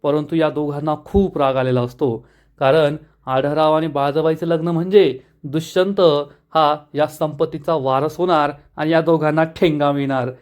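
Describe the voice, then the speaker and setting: A man retelling a TV serial episode in a measured storytelling manner, reading every character's lines in his own voice. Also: on the high side, clean tone.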